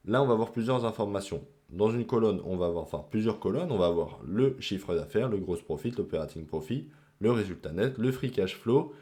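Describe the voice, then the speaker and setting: A man's voice: lowish voice, darkish tone. A man hosting an investing channel, talking through slides in a casual, chatty way, with many fillers and the odd self-mocking aside. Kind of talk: casual screen-share explainer.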